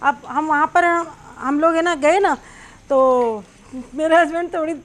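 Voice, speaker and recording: A woman's voice: high-pitched, measured pace. A middle-aged woman, host of a cooking channel, chattily telling a long personal story while she cooks, with many small fillers.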